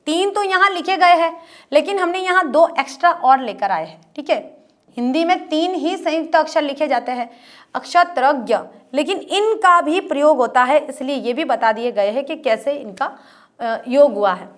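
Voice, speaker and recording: A woman teacher who explains step by step, repeats letters slowly and asks her pupils questions. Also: high voice, expressive. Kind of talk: online class lesson.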